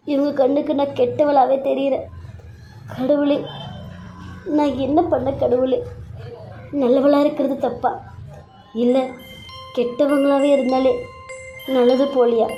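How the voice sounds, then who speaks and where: A woman voicing a gentle, tearful young wife in a cartoon serial, speaking in a soft, pleading way. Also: high voice, a little hiss or hum, rough recording.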